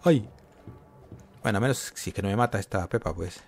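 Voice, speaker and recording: A man's voice: lowish voice, fairly quick. A man giving casual gameplay commentary, talking to himself and getting jumpy and scared as he plays. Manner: jumpy, talks to himself while playing.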